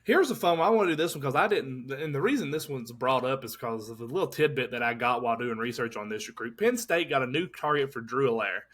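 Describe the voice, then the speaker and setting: A man's voice: medium pitch, expressive, fast talker, hardly any pauses, a bit bright. A young man, co-hosting a casual sports podcast in a laid-back, joking way. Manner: laid-back, jokey, drawls out names. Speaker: podcast co-host.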